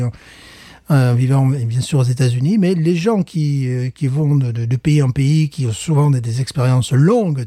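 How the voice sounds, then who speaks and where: A man's voice: fairly high pitch, mellow, no echo, clean studio sound. A man co-hosting a podcast in casual chat, rambling with restarts and laughs. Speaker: podcast co-host.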